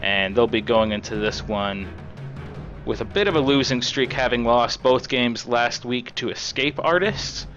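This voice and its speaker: A raspy-voiced male esports caster talking through a match in a casual, chatty play-by-play with plenty of fillers. His voice sits at an ordinary middle pitch. The stream audio is a bit muffled, with faint music underneath. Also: a little slow, a bit bright. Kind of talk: live game commentary.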